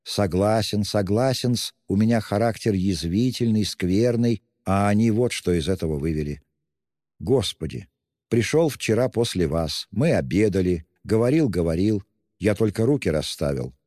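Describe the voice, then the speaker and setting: Male reader doing a sly, fawning older investigator, wheedling and raised in pitch over a low, dark voice; hall reverb. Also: expressive, moderate pace, studio quality, natural voice. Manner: wheedling, ingratiating, mocking, with fussy endearments.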